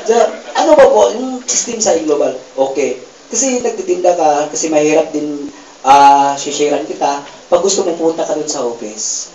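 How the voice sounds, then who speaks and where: Brief: Filipino man, high-pitched, animated testimonial speaker working a loud crowd, heard from across an echoey hall. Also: normal speed, far from the mic, highs cut off. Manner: calls out questions to the crowd, gets shouted replies; animated, laughing, acts out quoted dialogue. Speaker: speaker giving a success testimony. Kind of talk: motivational testimony to a live audience. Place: event hall with a live audience. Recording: roomy hall mic from afar, loud crowd noise.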